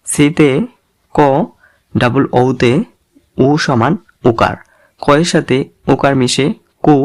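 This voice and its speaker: Male teacher, mid pitch, walks learners through each letter sound at a very unhurried pace. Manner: spells letters then blends sounds, deliberate and repetitive. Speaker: English reading teacher. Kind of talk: slow spelled-out pronunciation lesson.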